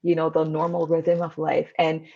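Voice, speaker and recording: Woman host from Canada, low gravelly voice, affirming, dull lo-fi audio. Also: monotone, moderate pace, darkish tone. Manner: affirming, many filler words. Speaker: podcast host. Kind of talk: interview host recap.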